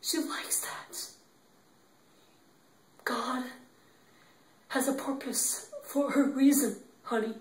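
An actor playing a young man who gently consoles his grieving girlfriend, speaking in a halting, tearful, repetitive way. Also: extremely high pitch, steady tone, exaggerated voice. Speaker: actor in an improv demo reel. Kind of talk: improvised dramatic monologue. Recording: roomy, distant from the mic.

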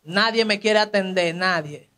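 Animated young Dominican man, high voice. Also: unhurried. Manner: animated street slang, acts out quoted voices. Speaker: interviewee telling his life story. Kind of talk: casual testimony.

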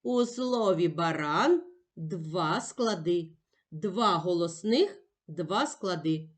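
A woman teaching young children in a patient, emphatic way, sounding out each letter slowly. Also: lowish voice, lively intonation. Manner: patient, sing-song and emphatic, spelling out sounds one by one. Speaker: primary school teacher. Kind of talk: slow, clear classroom instruction for young children.

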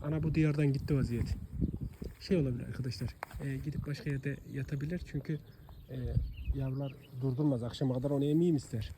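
A man's voice: mid-range voice, fairly even intonation, quick pace, background noise. A man vlogging outdoors in the countryside, talking affectionately to animals and calling them with long repeated coaxing cries, with asides to his viewers. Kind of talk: casual outdoor vlog.

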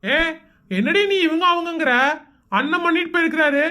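A woman's voice: extremely high pitch, normal speed, pushed and bright. A woman voicing a chatty, easygoing young village man in a cartoon, full of jokey banter. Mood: placating. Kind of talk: cartoon voice acting.

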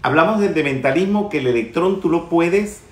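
A man's voice: fairly high pitch, animated, moderate pace, reverberant. A man teaching a spiritual lecture in a trained, projected voice, scolding and teasing his listeners with humorous asides. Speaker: metaphysics teacher.

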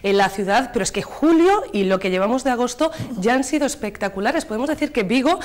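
A woman hosts a local TV interview, posing measured questions to her guest. She keeps him going with brief affirmations and a steady, composed delivery. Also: on the high side. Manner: measured, prompting with short affirmations.

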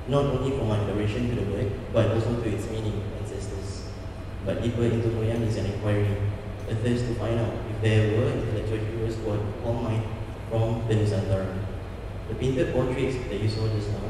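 A man from Singapore, an artist reading his prepared talk in a gallery in a measured, halting way, speaking into a handheld mic. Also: on the low side, background noise. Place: gallery event space with seated audience. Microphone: handheld mic, heard from far off. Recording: echoey gallery from a distance.

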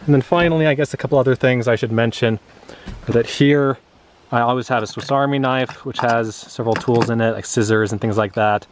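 A man in his thirties speaks in an ordinary mid-range voice, laid-back and conversational. He walks through his gear with plenty of "uh" fillers, sounding unhurried. He is recorded outdoors in an open grassy spot near trees. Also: mid-range voice, a little hiss or hum. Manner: relaxed, chatty, lots of uh fillers. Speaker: vlogger. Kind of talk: casual show-and-tell.

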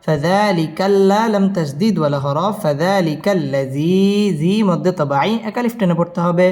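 A man teaching recitation, spelling out letters and chanting verses in a slow, drawn-out melody with brisk explanations between. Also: high-pitched, a little mellow, big-room sound.

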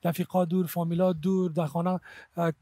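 High-voiced Afghan Dari man, hesitant. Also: little pitch movement, dark tone, no echo. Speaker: singer, guest. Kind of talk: casual TV chat. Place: TV studio.

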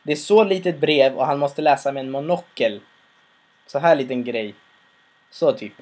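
A man's voice: mid-range voice, darkish tone. A man casually retelling a story, rambling with fillers and restarts. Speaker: episode recapper.

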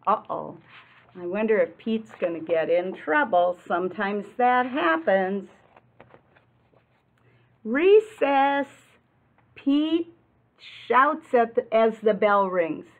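In an indoor classroom, an American woman in her sixties reads a picture book aloud like a teacher, expressive and deliberate, stopping to explain things and ask young listeners questions. Her mid-range voice is animated, and the audio sounds muffled and lo-fi, like a webcam.

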